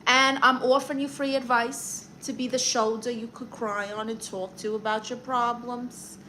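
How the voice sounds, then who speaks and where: A young woman with a Brooklyn accent, from Brooklyn, New York, hosts a livestream where she reads viewer comments and fires back sassy advice and quick comebacks in a brassy way. Her voice is on the high side, bright and forceful with a level tone, in a low-quality recording with slight background noise.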